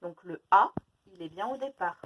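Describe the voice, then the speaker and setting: A woman teaching a phonics lesson to young children, slowly and clearly separating each sound and stressing the key words. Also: mid-range voice, expressive, highs cut off.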